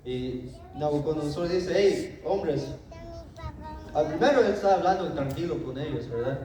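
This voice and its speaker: A man's voice: on the high side, expressive, moderate pace. A man preaching an informal Bible lesson to his congregation, talking in a conversational way, often asking "right?" and acting out the king's lines. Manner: conversational, acts out the king's lines, tag questions. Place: church hall. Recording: echoey hall, voice from far off, background noise.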